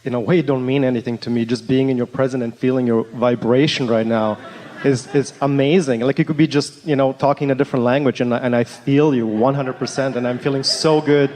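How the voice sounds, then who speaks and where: A man's voice: mid-range voice, steady tone, fairly quick, darkish tone, slight background noise. Earnest man in a reverberant hall. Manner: earnest, effusive. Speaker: audience member. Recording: reverberant hall, faint ambience.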